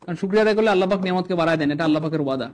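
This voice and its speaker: A man teaching a live exam-prep class, animated and constantly quizzing his students, weaving religious phrases into his lesson. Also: high-pitched, racing, a little hiss or hum, rough recording. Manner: animated, keeps asking students questions.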